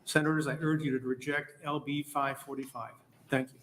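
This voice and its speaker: A man's voice: mid-range voice, level tone, fairly quick, fairly bright tone, slight background noise. A man giving prepared testimony as a landlord at a public hearing, firm and reading from a statement.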